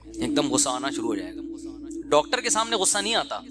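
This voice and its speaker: A middle-aged man giving a sermon in a conversational preaching manner, slipping into quick acted quotes of everyday people. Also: a little high, sing-song, noisy background. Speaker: Islamic preacher.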